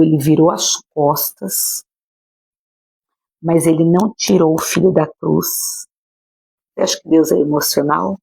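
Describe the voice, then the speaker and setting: A woman's voice: low voice, vocal fry, dark tone, slightly rough, no echo, low-quality recording. A woman pastor with a Brazilian Portuguese accent, preaching earnestly and emphatically in a livestream, speaking directly to her listeners. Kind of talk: livestreamed sermon. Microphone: phone or webcam livestream.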